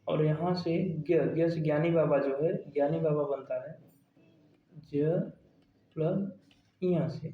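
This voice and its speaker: A man's voice: a little high, fairly even intonation, a little slow, pauses often, a little hiss or hum. A man, teaching grammar for an exam-prep lesson, asking questions and then answering them step by step. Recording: dull, roomy sound.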